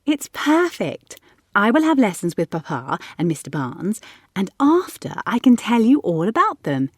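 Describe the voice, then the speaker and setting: A woman voicing a lively, eager young girl from the gentry who chatters and coaxes. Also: mid-range voice, unhurried, no echo, clean studio sound. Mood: excited. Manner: excited, chattering, coaxing.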